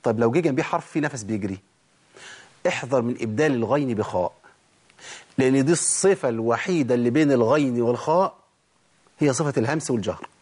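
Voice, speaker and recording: Egyptian guy teaching quran pronunciation, asks himself questions, slow drawn-out recitation bits. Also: mid-range voice, lively intonation, darkish tone, slightly rough. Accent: Egyptian Arabic. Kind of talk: tajweed lesson on letter pronunciation.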